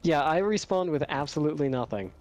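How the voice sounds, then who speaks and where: Guy gaming on voice chat, lots of ums, dry jokes, kinda higher voice. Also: expressive, quick pace. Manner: hesitant, dry-humored, many ums. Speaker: gamer.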